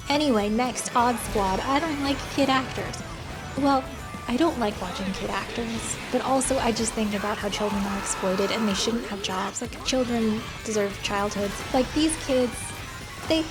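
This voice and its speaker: A woman's voice: on the high side, low-quality recording. An American woman giving casual, opinionated commentary in a blunt, wry, conversational way. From United States. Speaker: video commentator. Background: music.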